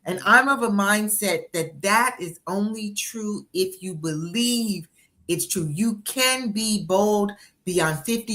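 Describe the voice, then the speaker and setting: Her medium-pitched voice is a bit bright as this sixties-aged book coach hosts a livestream interview on a video call. She stays upbeat and encouraging, frequently repeating herself.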